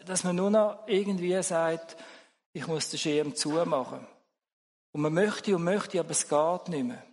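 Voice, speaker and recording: A man with a Swiss German accent preaching a sermon in a conversational way, repeating phrases for emphasis. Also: high-pitched. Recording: long church-hall reverb.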